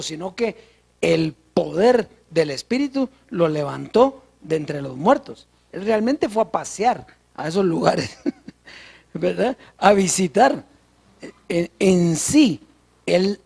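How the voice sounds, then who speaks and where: Husky preacher, unhurried sermon delivery, gravelly tone. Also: medium pitch, darkish tone. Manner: slow, deliberate teaching with rhetorical questions.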